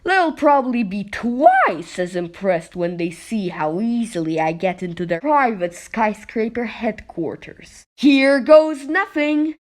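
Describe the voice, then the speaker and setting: A woman's voice: a little high, lively intonation, unhurried, few pauses. A woman voicing a brash, wisecracking teenage boy superhero who thinks aloud dramatically in an amateur comic-book dub. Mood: cocky. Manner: brash, talks to himself dramatically.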